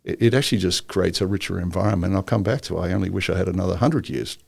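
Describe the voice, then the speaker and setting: Deep gravelly man, rambling talk. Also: fast, no room sound, clean studio sound. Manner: rambling, filler-heavy, joking. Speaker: guest entrepreneur. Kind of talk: casual interview chat.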